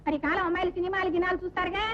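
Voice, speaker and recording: A woman's voice: extremely high pitch, steady tone, rapid-fire, crowd noise. An actress playing a domineering, sarcastic mother-in-law in an old film, scolding her family. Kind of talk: 1980s Telugu film acting. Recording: lo-fi film soundtrack with music.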